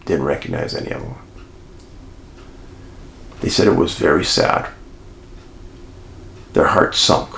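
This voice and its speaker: A man hosting and telling a true-crime mystery story in an animated way, speaking straight to his listeners. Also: very deep voice, takes it slowly, creaky, pauses often, echoey room, a little hiss or hum. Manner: animated, addresses listeners as folks. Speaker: host and storyteller.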